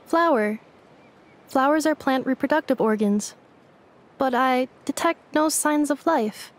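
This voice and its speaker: An actress gives voice to a polite, literal-minded female robot in scripted video game dialogue. Her high voice is a little slow, and her stilted, formal phrasing comes out emotionless, flat and inquisitive.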